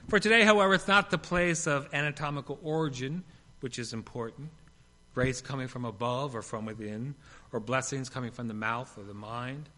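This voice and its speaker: A male pastor preaching a sermon, swinging between loud emphatic lines and hushed ones, with playful humorous asides. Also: mid-range voice.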